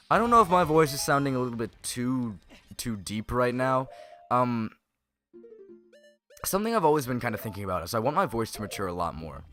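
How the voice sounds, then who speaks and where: Over video game music, a teenage guy riffs casually and jokily through his playthrough series. His voice is medium in pitch and a bit bright.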